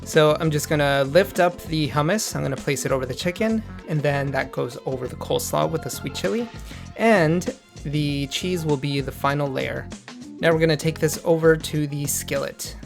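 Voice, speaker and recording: A young man from Mexico hosting a casual cooking vlog in his home kitchen, explaining each step in a relaxed, friendly way. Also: on the high side, moderate pace, gravelly, music in the background. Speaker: cooking channel host.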